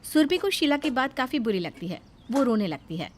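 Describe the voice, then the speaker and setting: A woman telling a scripted story with a steady, measured delivery. Her voice sits high. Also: a little hiss or hum. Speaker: narrator.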